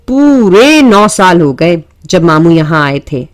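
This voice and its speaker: A woman reading a novel aloud, voicing a lively, teasing teenage daughter who chats and pleads with her mother. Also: lowish voice, no room sound. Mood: eager.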